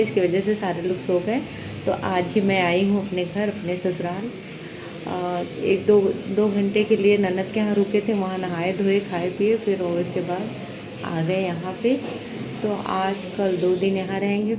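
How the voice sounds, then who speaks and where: A woman vlogger talking quietly to the camera so people nearby won't hear her. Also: on the low side, background noise. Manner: speaks softly so others nearby won't hear. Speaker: village life vlogger.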